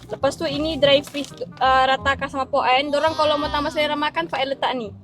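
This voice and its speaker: High-pitched woman vlogger, chatty. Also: steady tone, brisk, over music. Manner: chatty, switches in English words. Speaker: vlogger and pet owner. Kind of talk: casual vlog chat in colloquial Malay.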